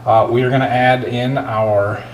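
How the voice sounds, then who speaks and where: A man's voice: medium pitch, little pitch movement, a little slow, rough recording. A man talking casually like a home cooking show host, explaining each step in a folksy way as he works in a kitchen. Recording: clear background noise, kitchen clatter.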